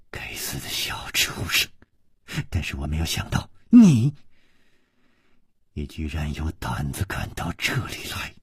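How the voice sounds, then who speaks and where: A man's voice: a bass voice, slightly rough, dry recording, clean studio sound, voice pushed down, full character voice. A man voicing a cold, hard, fierce middle-aged noblewoman who speaks with icy menace and scorn.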